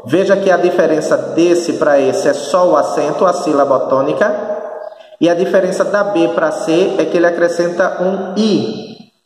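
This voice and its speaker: A man's voice: a little high, a little mellow. A Brazilian man with a northeastern accent, a Spanish teacher giving a recorded lesson who explains patiently and keeps checking that students follow. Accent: Brazilian Portuguese, northeastern. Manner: slow, explanatory, checks understanding with frequent tag questions. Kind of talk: recorded remote class lesson. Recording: echoey room, voice far from the mic.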